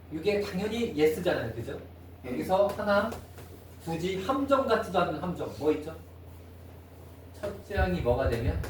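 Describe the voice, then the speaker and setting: Male math teacher, high voice, classroom lecture, echoey room, mic set far off. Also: noisy background. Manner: asks students constant check-in questions.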